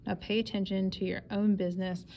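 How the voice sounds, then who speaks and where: A woman's voice: medium pitch, flat delivery, brisk, vocal fry, dark tone, dull audio, a little hiss or hum, lightly acted. A woman reading as a blustering, scolding father. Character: angry middle-aged father scolding his runaway son.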